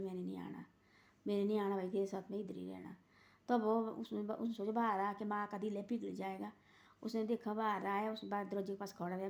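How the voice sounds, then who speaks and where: Flat, mellow-voiced woman telling a moral tale. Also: mid-range voice. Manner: rambling, repeats "bole" between quoted lines. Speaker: storyteller. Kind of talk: casual moral story telling.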